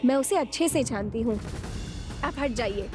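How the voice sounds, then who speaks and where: An actress playing a young wife of a wealthy house who speaks politely but firmly, with music playing behind. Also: female voice, on the high side, animated, moderate pace, natural voice. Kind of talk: TV serial dub acting.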